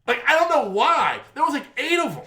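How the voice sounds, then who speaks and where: A man's voice: very high voice, sing-song, brisk, crowd noise. A middle-aged man, co-hosting a podcast and telling a story in a casual, profane way, acting out quotes and laughing often. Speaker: podcast co-host.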